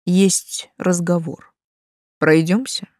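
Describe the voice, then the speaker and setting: A woman voicing a calm, stern male angel of death who speaks slowly and levelly, with a mocking edge. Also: on the low side, no room sound, studio quality.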